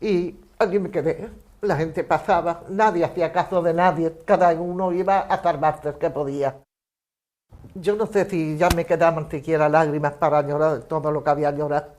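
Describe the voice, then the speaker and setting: An elderly woman giving documentary testimony, telling a long personal story in a steady, measured way. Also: sits low. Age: 80s or older.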